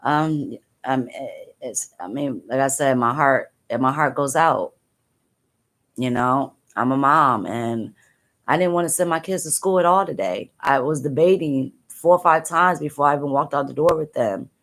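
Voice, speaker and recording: A woman with a low voice talks live to her viewers through tears. She halts and repeats herself, upset and angry, as a mother speaking straight to the camera. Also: moderate pace, fairly bright tone. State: tearful. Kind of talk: emotional live-stream talk.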